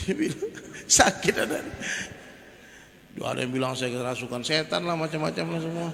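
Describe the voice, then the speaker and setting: A man preaching with humor and stories, speaking straight to his listeners. His voice is gravelly and bright, a little high for a man. It rings out in a hall with a long reverb. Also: moderate pace. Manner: lively, joking, often addresses listeners as "Pak". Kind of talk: humorous sermon with storytelling.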